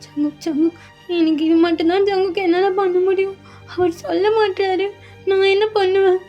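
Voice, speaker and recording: A woman's voice: very high voice, fairly even intonation, moderate pace, highs cut off, soft background music, pitched above the performer's own voice. A woman voicing a desperate young daughter who pleads through tears. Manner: pleading, tearful. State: crying.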